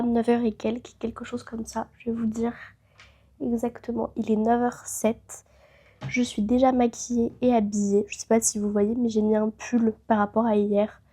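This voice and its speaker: Fairly high-pitched and dark, with a breathy edge, this late-teen woman has a head cold. She's a travel vlogger chatting casually to camera, rambling a bit, full of fillers and restarts.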